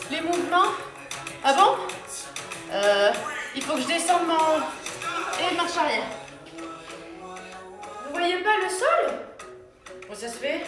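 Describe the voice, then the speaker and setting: A high-voiced woman leads a live home ab workout, unhurried and chatty, joking between her exercise cues. Her voice rings around a roomy space with workout music playing behind. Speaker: fitness coach. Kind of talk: live workout coaching while reading chat.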